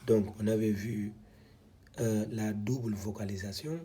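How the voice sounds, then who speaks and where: His voice is on the low side, dark with a breathy edge, fairly even in intonation and a little slow. This man teaches Quran reading step by step, patiently repeating each syllable individually and frequently using "donc".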